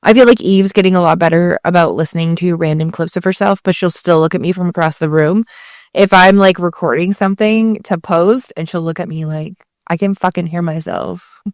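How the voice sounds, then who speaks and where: A woman's voice: fairly low pitch, fairly even intonation, brisk, no room sound, studio quality. A woman co-hosting a podcast in casual chat, with a Valley Girl way of talking. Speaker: podcast co-host.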